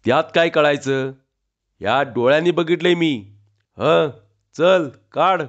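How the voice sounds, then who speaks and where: Casting: a man playing a bossy skinny village cop, gruff and commanding, slightly high voice, dull recording. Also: takes it slowly. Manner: gruff, bossy, mock-official police tone. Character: bullying skinny village police constable, man.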